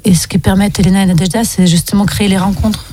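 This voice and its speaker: A woman's voice: mid-range voice, fairly even intonation, fast, warm tone, a little hiss or hum. A young woman from Russia, a film director, answering radio interview questions with many hesitant ums.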